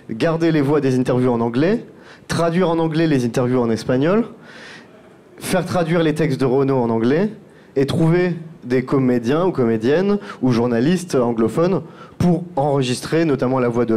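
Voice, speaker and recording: A man's voice: mid-range voice, dark tone. A man who produces podcasts, talking through his work in a round-table discussion and often restarting his phrases.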